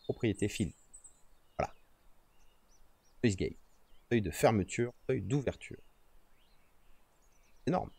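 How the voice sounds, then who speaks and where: A man's voice: on the low side, slow, vocal fry, pauses often, darkish tone, slightly rough, no room sound. A man streaming outdoors, talking casually to himself and his viewers while fiddling with his microphone settings. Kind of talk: casual live-stream chat. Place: outdoors in nature. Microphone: streaming microphone with noise gate.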